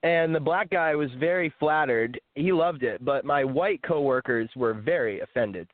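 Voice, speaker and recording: A man's voice: fairly high pitch, moderate pace, no echo. A young man talking frankly as an author and guest in a casual interview, with the odd small laugh. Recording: dry, phone-like line.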